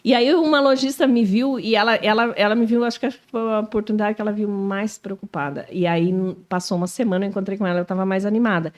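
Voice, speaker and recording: Uma mulher de cinquenta e poucos anos com sotaque do sul do Brasil, conversando como convidada numa entrevista, animada e cheia de "né". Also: female voice, mid-range voice, fast talker, hardly any pauses. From Brazil. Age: 50s. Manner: animated, frequent tag questions "né". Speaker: shopping mall executive, guest. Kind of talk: casual interview talk.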